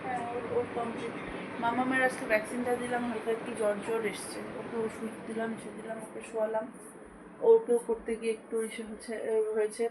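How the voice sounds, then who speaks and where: A woman's voice: fairly high pitch, monotone, fairly quick, heavy background noise. A woman in her thirties, a mother chatting casually through her daily vlog at home, rambling from one errand to the next. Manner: chatty, rambling, switches to soft talk. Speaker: vlogger and mother.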